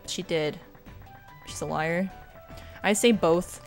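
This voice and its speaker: Low-voiced woman streamer, chatty and rambling. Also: takes it slowly, faint music behind. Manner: chatty, rambling, self-deprecating. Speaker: streamer and speedrunner. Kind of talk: casual livestream chat while gaming.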